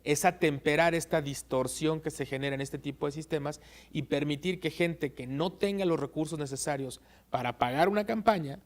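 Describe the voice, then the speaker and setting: A man being interviewed as an expert on election law, explaining at a measured pace with frequent "eh" pauses. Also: on the high side.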